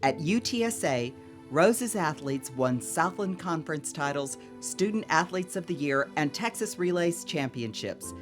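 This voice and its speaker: Woman, narrator, scripted tribute narration, very low voice, measured, music underneath. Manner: measured, even reading.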